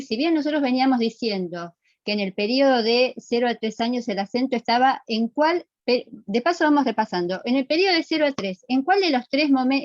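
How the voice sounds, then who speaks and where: A fairly high-voiced woman gives an online lecture, patiently explaining and asking her students questions. Her audio comes through dull and muffled over a video call, with a close, dry sound and no room echo. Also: darkish tone. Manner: explanatory, asks the class questions and repeats answers. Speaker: teacher.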